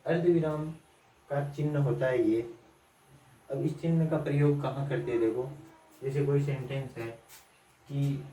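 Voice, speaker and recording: A man teaching an online grammar lesson, explaining slowly and repeating points with questions for the students. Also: mid-range voice, steady tone, warm tone, a little hiss or hum. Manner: slow, repetitive explaining with quiz-like questions to students. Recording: echoey room from a distance.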